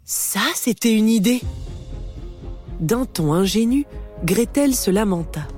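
Expressive woman reading a fairy tale. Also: on the high side, slow, faint music behind. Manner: expressive, lively storytelling. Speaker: narrator. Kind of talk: scripted storybook narration.

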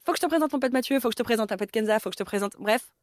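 Racing along in a fairly high voice, a thirty-something Parisian woman talks frankly and conversationally as an interview guest, using plenty of fillers. The studio sound is clean and echo-free.

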